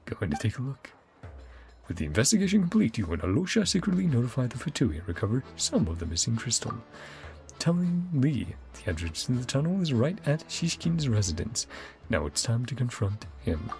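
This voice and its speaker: This game streamer's mid-range voice swings widely in pitch, a bit creaky and a little mellow, and he talks a little fast. He thinks aloud, reads game text out and chuckles often in casual let's play commentary, with video game music behind him.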